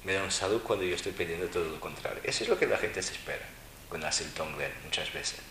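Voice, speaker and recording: A man's voice: low voice, animated, fast, creaky, pushed and bright, a little hiss or hum. A man giving a Buddhist dharma talk, teaching with wry, mocking asides. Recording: roomy echo with faint ambience.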